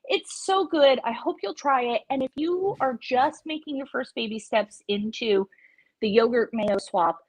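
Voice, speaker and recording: A woman's voice: fairly high pitch, a little slow, low-quality recording. A woman chef teaching a live virtual cooking class over a video call, chatty and playful in her instructions.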